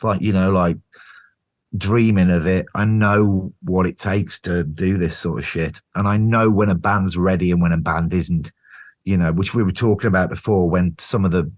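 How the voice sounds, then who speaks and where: A middle-aged British man, a band singer as guest, telling road stories in a casual interview, swearing freely and acting out what people said. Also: deep voice. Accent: British English. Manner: animated storyteller, swears freely, acts out quotes.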